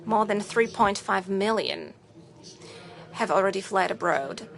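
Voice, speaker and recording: A woman interprets a formal state speech into English, delivering it evenly and steadily with occasional hesitations. Her voice is mid-range with vocal fry.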